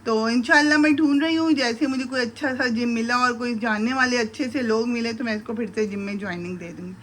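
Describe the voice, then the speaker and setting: She talks fast, with a fairly high pitch and fairly even intonation, and a little hiss or hum is audible. The speaker is a middle-aged woman, a vlogger and mother, casually narrating as she cooks breakfast in her home kitchen, chatting to viewers and fondly to her sons on a handheld camera.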